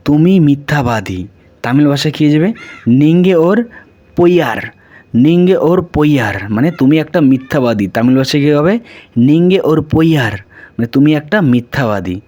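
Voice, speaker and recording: Man teaching phrases, slightly high voice. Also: a little mellow. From India. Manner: repeats each phrase slowly, then glosses its meaning. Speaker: language teacher. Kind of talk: casual spoken language lesson.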